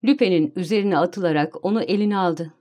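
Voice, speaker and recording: Woman narrating an audiobook, dark-toned. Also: fairly low pitch. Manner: calm, measured reading. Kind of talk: scripted narration.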